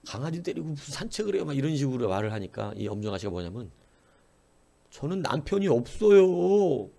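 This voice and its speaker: A male pastor delivering a sermon in church, telling a story with plenty of energy. He acts out the quoted lines, and his pitch climbs and drops as he goes. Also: gravelly, darkish tone.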